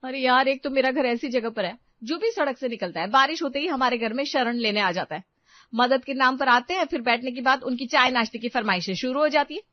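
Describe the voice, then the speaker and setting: Woman doing a sharp-tongued, fed-up young wife, high voice, dry, slightly dull recording. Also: brisk, no echo, close to an everyday voice. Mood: complaining. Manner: indignant, complaining.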